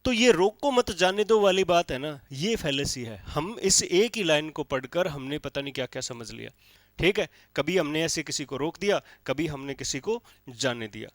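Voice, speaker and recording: Man, teacher, lecture, slightly high pitch, step-by-step explaining, dry recording. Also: lively intonation, normal speed, no room sound. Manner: explains step by step with frequent checks like "theek hai". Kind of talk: classroom lecture.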